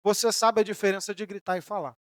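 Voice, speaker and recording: A Brazilian man preaching a sermon as pastor, rising in emphatic bursts and then dropping soft, sometimes voicing the questions of his listeners. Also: high voice, steady tone, quick pace, smooth, no echo, studio quality. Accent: Brazilian Portuguese. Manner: preaching with emphatic rises and sudden soft drops; voices imagined questions from listeners.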